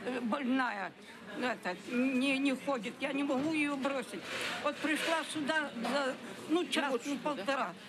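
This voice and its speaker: A woman's voice: sits high, poor audio. A woman waiting in a queue, speaking plaintively and pleading. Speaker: resident in a queue. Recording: crowd behind.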